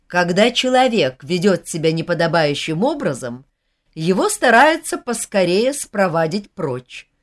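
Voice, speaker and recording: A woman's voice: on the low side, big pitch swings, a little slow. A woman reading as an icy, commanding widow hostess. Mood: cold. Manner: cold, curt, commanding. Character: proud composed widow hostess, icy and sharp.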